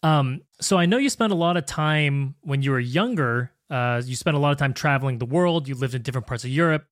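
A man's voice: medium pitch, lively intonation, brisk, no room sound, studio quality. A man hosting an interview, reading out film facts and asking questions with enthusiasm. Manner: enthusiastic, reads facts then asks questions. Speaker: interview host. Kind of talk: podcast interview.

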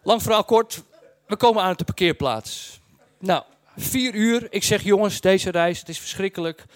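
A man with a distinctly high voice recounts an anecdote in a very dry recording. He talks casually and bluntly, in colloquial language, and performs the story as he tells it. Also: animated, moderate pace, dry recording. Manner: acts out dialogue and sound effects. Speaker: storyteller recounting his travel experience.

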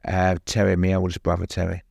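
An older man with an East London accent talks in a fairly low voice. He recounts personal memories in plain, conversational words, often adding "you know", as an interview guest. The sound is very dry, with no room echo. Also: monotone, brisk, gravelly, darkish tone. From East End of London, later Suffolk.

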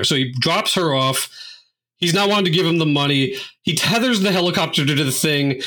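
A man co-hosting a casual movie review podcast, chatty and quick to laugh, with lots of fillers. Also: a little high, pushed and bright. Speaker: podcast co-host.

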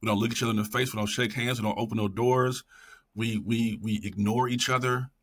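A middle-aged educator appears as a podcast guest, speaking casually but passionately. He is emphatic and repeats phrases for effect, talking fairly quickly in a mid-range voice with fairly even intonation.

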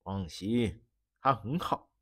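A storyteller voicing a smug, scheming baron who mocks his rival slowly. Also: big pitch swings, no echo, clean studio sound. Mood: mocking. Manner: slow, mocking and low. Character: scheming male baron villain, smug and cold. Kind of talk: storybook reading.

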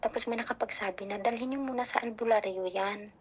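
A woman's voice: fairly high pitch, brisk, husky. Mother telling a story. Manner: animated storytelling, acting out dialogue. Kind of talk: casual storytelling.

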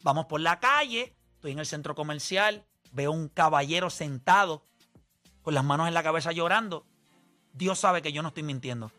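Bright high-voiced man arguing his point. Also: animated, normal speed, soft background music. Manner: argumentative, explains with examples. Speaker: sports talk show host. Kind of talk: radio sports talk chat.

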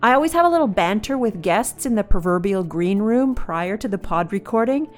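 A woman's voice: mid-range voice, expressive, brisk, faint music behind. A woman hosting a podcast, introducing her guests in a bubbly, playful way. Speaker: podcast host. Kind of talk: podcast intro and casual chat.

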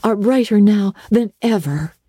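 A woman's voice: medium pitch, expressive, a little slow, warm tone, no echo, studio quality, voice pushed up. A woman reading aloud, voicing a talkative, imaginative orphan girl who speaks earnestly and theatrically.

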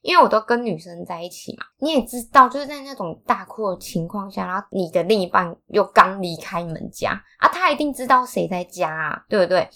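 Young taiwanese woman chatting on a podcast, bright voice, swings up and down a lot, emotional storyteller. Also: mid-range voice, lively intonation, fairly quick, hardly any pauses. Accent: Taiwanese Mandarin. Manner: emotional storytelling, laughs while telling. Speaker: podcast co-host. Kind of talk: casual chat.

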